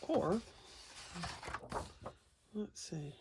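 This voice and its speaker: In this colouring book flip-through, the host chats with her audience unscripted as she turns the pages, rambling along in a folksy, playful style. She speaks at a medium pitch, very animated, stretching out her words against a noisy background.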